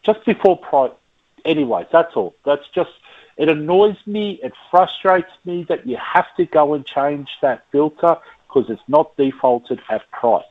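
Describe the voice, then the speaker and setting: A man's voice: on the high side, expressive, a little slow. An Australian man in casual ranting chat as a podcast panellist, with a blunt, exasperated, blokey way of talking. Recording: tinny phone-like line.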